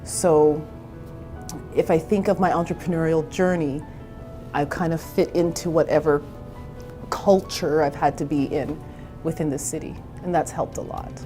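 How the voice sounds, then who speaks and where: A woman's voice: sits low, steady tone, normal speed, music in the background. A woman in her forties from Canada, a therapist and entrepreneur, telling her own story in a candid, chatty interview. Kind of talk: personal interview.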